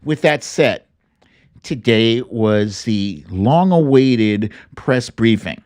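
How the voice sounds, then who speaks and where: A man hosts a live political commentary stream, speaking bluntly and casually with salty slang and a theatrical, opinionated delivery. His voice is medium-pitched and darkish in tone, animated but slow.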